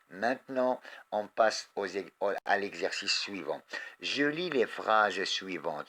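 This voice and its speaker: Slow, deep-voiced Moroccan French teacher. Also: male voice, sharp tone. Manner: reads words and sentences aloud slowly, then quizzes pupils. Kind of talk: slow, deliberate classroom lesson.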